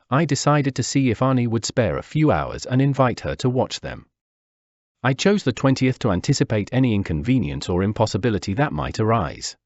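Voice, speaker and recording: A Peruvian man in his 40s, whose first language is Spanish, narrates a wistful first-person memoir in a reflective manner. His voice is medium in pitch, and the recording is dull, dry, and lo-fi.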